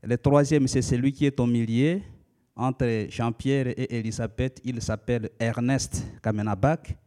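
A pastor in his thirties from the Democratic Republic of the Congo, a native Lika speaker, delivers a sermon in church. He teaches in a measured way with frequent hesitations, his mid-range voice steady and dark in tone.

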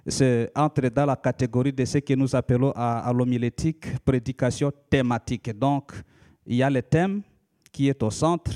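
A man in his thirties from the Democratic Republic of the Congo, a native Lika speaker, preaching in a church in a measured teaching manner with frequent hesitations. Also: mid-range voice, warm tone. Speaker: pastor. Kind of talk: sermon.

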